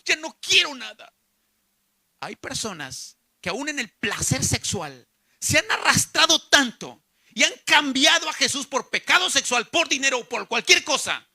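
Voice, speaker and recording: A male pastor preaching a sermon with passion, swinging from hushed to emphatic. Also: very high-pitched, very animated, moderate pace.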